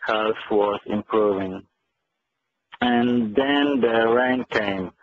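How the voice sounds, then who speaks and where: A Polish-accented man reads his prepared statement in a low, flat voice, earnest and measured with small halts. The sound is tinny and phone-like, with a faint hiss under it. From Poland. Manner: earnest, measured and slightly halting. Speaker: speaker telling his family's story. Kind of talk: reading a prepared personal statement. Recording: tinny lo-fi line with faint noise.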